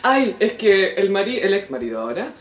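A woman's voice: mid-range voice, normal speed. A woman with a Chilean accent co-hosting a casual gossip chat, telling stories and acting out what people said. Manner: animated storyteller who acts out quotes. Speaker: podcast co-host. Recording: roomy echo.

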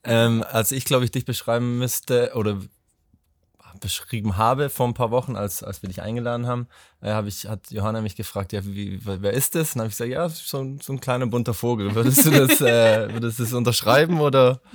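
A man co-hosting a podcast, asking questions in a relaxed, hesitant way. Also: medium pitch, a little fast, no room sound, studio quality. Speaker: podcast co-host. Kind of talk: casual interview chat.

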